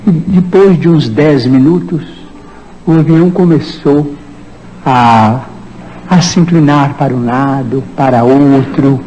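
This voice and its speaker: Male spiritist lecturer, animated storyteller, reverberant hall recording. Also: mid-range voice, highs cut off. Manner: animated storyteller, acts out shouted quotes. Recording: reverberant hall, faint background noise.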